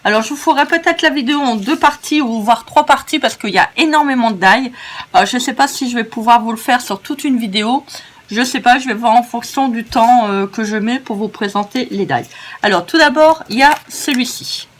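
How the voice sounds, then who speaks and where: A woman with a fairly high voice hosts a casual crafting video, speaking fairly quickly. She's chatty, gushing and enthusiastic, and often stumbles over her words.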